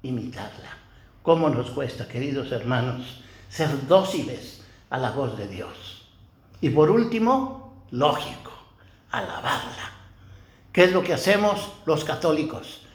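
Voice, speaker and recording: A man's voice: mid-range voice, lively intonation, measured pace, echoey room. An older man preaching a homily as a priest, talking to his listeners in a conversational way and tossing in rhetorical questions.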